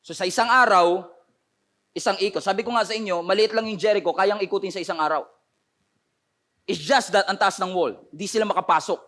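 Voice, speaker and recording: Male pastor, Filipino accent, sermon, lively storytelling, high voice. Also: a little fast. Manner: animated storytelling, acting out voices of listeners and biblical people.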